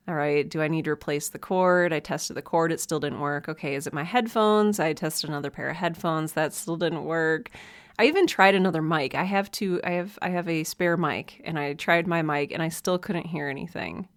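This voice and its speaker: A woman's voice: deep voice, moderate pace, clean tone. A woman hosting a casual solo podcast from her hot home office, chatty and self-deprecating, laughing often. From American Midwest. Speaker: podcast host. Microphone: desk mic with headphones.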